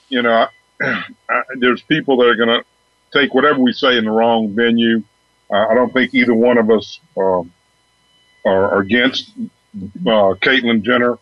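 A man co-hosting a casual sports talk chat, speaking in a hesitant, unhurried way with many pauses. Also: medium pitch, dry recording. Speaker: sports talk co-host, called coach. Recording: dull, lo-fi audio.

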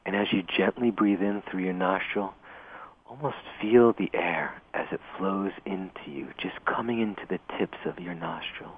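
A man leading a guided meditation in a slow, gentle, soothing way, heard over a narrow radio broadcast. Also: low-pitched, husky. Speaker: meditation teacher.

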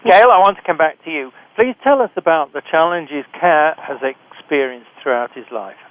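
Male interview host, slightly high voice, moderating, muffled radio-grade audio. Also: animated, moderate pace, no room sound. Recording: dry but dull lo-fi radio sound.

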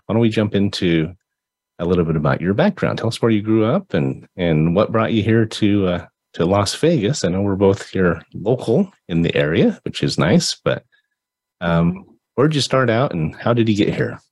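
Low husky man hosting an interview. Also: animated, normal speed, a little mellow. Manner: friendly, chatty, frequent restarts. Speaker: podcast host. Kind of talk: conversational interview.

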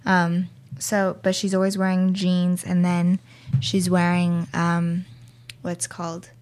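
A teenage girl co-hosting a student radio show, talking casually and pausing to search for words. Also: lowish voice, monotone, a little mellow. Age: teens. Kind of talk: casual chat on air.

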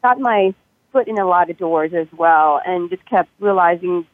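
A woman's voice: fairly low pitch, moderate pace. A woman DJ from Thailand, raised in Northern California, chatting easily as an interview guest. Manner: easygoing, chatty, with fillers. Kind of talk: casual interview chat. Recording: tinny phone line.

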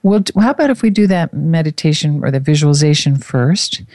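A meditation host with a mellow, dark-toned voice at a middling pitch, recorded close and dry. The delivery is soft and soothing, gently leading listeners through relaxation. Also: expressive, brisk, no echo. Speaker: host guiding a visualization.

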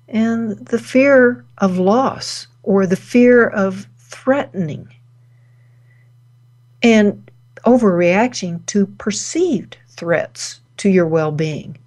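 A woman hosting a wellness talk, speaking deliberately and pausing between short phrases. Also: mid-range voice, darkish tone. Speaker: host.

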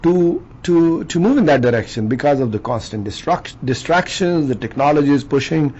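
A man's voice: a little high, expressive, moderate pace, a little mellow, husky. A man hosting a radio interview show in a conversational way, on a lo-fi, slightly noisy line. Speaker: radio talk show host. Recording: dull lo-fi line with faint noise.

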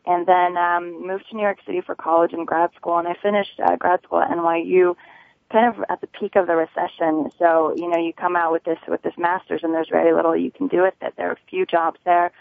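A woman in her thirties from Connecticut, speaking haltingly and conversationally as a guest in a radio interview. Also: lowish voice, level tone, creaky, no room sound. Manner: hesitant, halting delivery. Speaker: real estate agent, interview guest. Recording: tinny telephone line.

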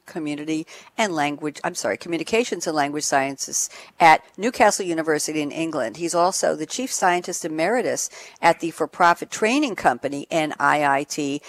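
A woman's voice: low voice, no echo. A woman hosting a panel discussion podcast, introducing guests and reading background aloud with enthusiasm. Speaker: podcast host.

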